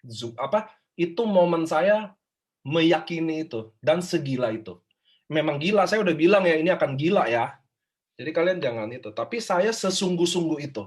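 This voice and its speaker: Husky man, fairly high voice, lively and emphatic, online workshop speaker on a call mic. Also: moderate pace. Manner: animated, informal, emphatic. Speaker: motivational speaker. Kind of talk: online motivational workshop talk. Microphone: video call.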